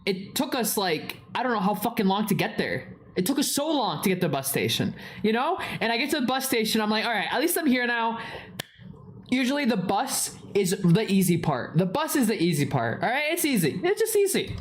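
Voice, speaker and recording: Rambling, swearing young woman, lively pitch. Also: a little fast. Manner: swears often, repeats phrases, trails off. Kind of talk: casual rambling storytelling.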